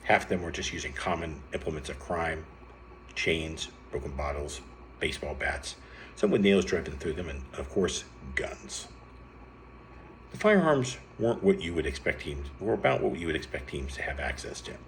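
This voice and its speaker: A man with a very low voice reads an adventure story aloud. He keeps it lively, jumping up in pitch for emphasis and now and then tripping over a word. A faint hiss sits under the voice. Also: moderate pace. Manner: lively read-aloud with bursts of raised pitch and some stumbles.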